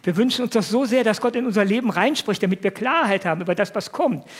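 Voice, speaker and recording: A man's voice: high voice, lively intonation, quick pace, slightly rough. A man preaching a conversational sermon, talking to the listeners in colloquial words and asking them many rhetorical questions.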